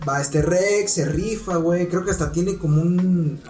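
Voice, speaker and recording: A man with a Mexican accent, co-hosting a casual podcast, excitable and slangy, swearing freely. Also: high voice, measured pace. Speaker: podcast co-host. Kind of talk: casual chat. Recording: echoey room with faint music.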